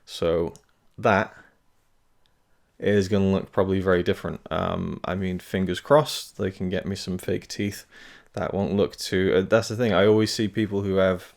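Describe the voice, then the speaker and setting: A film review channel host gives a casual update to camera in a low, level voice with vocal fry, at a moderate pace. He rambles and hesitates, full of fillers and restarts, speaking carefully around a sore tooth.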